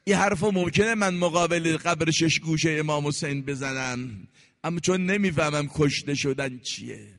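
A man giving an impassioned religious sermon, telling a story and chanting verse slowly, moving between hushed and loud passages. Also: fairly high pitch, gravelly. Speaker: preacher. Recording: long reverb in a large hall.

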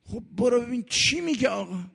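A man's voice: very high voice, animated, vocal fry, bright, forceful tone, slightly rough, pitched above the performer's own voice, full character voice. A man preaching as he voices a wife earnestly urging her husband, in a reproachful, pleading tone. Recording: long reverb in a large hall.

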